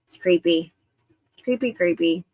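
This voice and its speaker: A woman's voice: on the low side, measured pace, a little mellow, dry recording. A woman hosting a livestream, chatting casually and rambling with lots of fillers. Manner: rambling, conversational, with many fillers. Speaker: livestream host.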